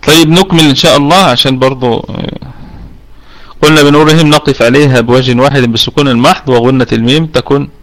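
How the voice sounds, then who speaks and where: Over online voice chat from a room at home, a man from Egypt gives a live lesson on the rules of Quran recitation in an Egyptian Arabic accent. He has a medium-pitched voice with fairly even intonation, captured in a low-quality recording. Explaining one step at a time, he frequently confirms the listener understands and slows his speech to model sounds.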